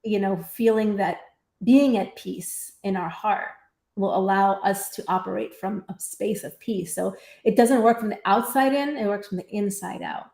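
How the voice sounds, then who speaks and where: A woman's voice: mid-range voice, moderate pace, vocal fry, darkish tone. A woman teacher co-hosting a live online discussion, explaining ideas in an earnest, conversational way. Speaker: teacher and co-host of a live faith-based discussion. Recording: echoey room on live stream.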